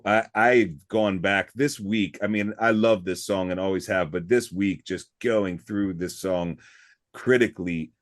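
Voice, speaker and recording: A low-voiced man in casual podcast chat about music. He gushes over the tracks, laughs at himself, and hums the beats aloud to make his point. He keeps returning to the same words of praise. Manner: gushing, hums rhythms aloud.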